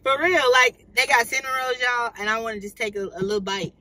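A man's voice: very high voice, fast, pushed and bright, poor audio. A young man, chatting and teasing viewers while driving for food delivery in his car. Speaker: vlogger and delivery driver. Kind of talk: casual chat while driving.

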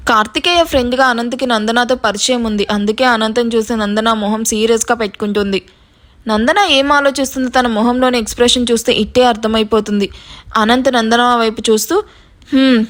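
A woman narrating a dramatic story, now and then speaking to listeners directly. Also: fairly high pitch. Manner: engaging, addresses listeners.

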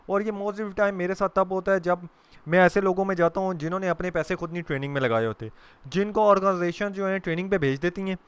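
A man's voice: high-pitched, clear, resonant tone, no room sound. A young adult man from Pakistan giving a training lecture to camera, explaining patiently with English terms mixed into his speech and occasional fillers. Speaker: corporate trainer.

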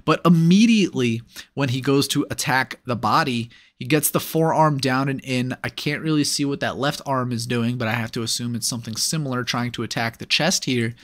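A man's voice: mid-range voice, fairly quick. A man giving a casual, analytical voice-over breakdown of sumo matches, upbeat and with playful asides. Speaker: sumo commentator. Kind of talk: casual play-by-play video breakdown.

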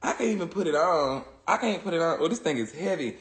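A man with a high voice and a drawl opening fan mail on a phone livestream, loud and dramatic, dropping to a prayerful murmur between high-pitched outbursts. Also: expressive, quick pace, reverberant. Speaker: social media personality. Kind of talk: live-stream fan mail unboxing.

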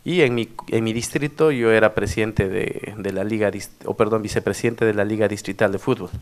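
A man's voice: fairly low pitch, fairly quick. A middle-aged man from the Cusco region, a former mayor telling stories in a workshop talk and often tagging his sentences with a question. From Peru, Cusco region. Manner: animated storyteller with frequent tag questions. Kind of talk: anecdotal conference talk.

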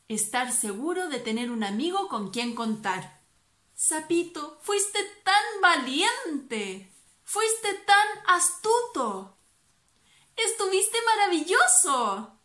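A woman voicing a wise, calm old grandfather frog who speaks gently. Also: high voice, slow, echoey room, pitched above the performer's own voice, full character voice. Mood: gentle.

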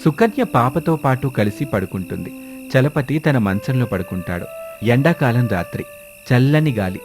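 Male storybook narrator, measured and steady, mid-pitched.

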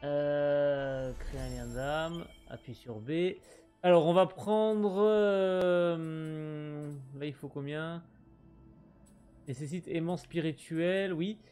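A man streams a game with casual commentary, chatting to his audience and muttering along as he reads on-screen text. His fairly high voice is smooth and dark-toned, and he speaks extremely slowly, with light game music in the background.

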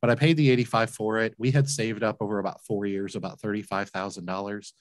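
A laundromat entrepreneur in his forties tells his story as a guest on a video call interview, speaking from a room at home. His voice is lowish and fairly even in intonation, quick-paced, earnest and emphatic, and he repeats words when moved. He uses a large desk mic with headphones, and the recording is dry.

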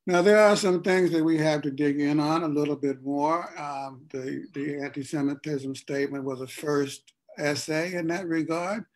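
Higher-voiced man hosting a political chat. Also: fairly even intonation. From Ohio. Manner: deliberate, pausing often mid-sentence. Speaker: host. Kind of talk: casual political discussion.

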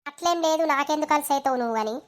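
A woman doing a tearful high-voiced village woman. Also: racing, close to an everyday voice. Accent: Telangana Telugu. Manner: defensive, wounded. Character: tearful village woman, Latha, torn and defensive. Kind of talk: animated village comedy dialogue.

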